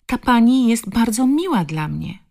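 A woman's voice: deep voice, normal speed, creaky, dark tone, slightly rough, full character voice. A woman reading the part of a timid little girl who stammers and pleads. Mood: pleading.

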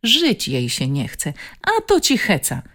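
A woman voicing a brisk, ironic middle-aged nurse who mocks and scolds her patient. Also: mid-range voice, huge pitch swings, creaky, a little mellow, voice pushed up, heavily acted. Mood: ironic scolding. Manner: mocking, scolding.

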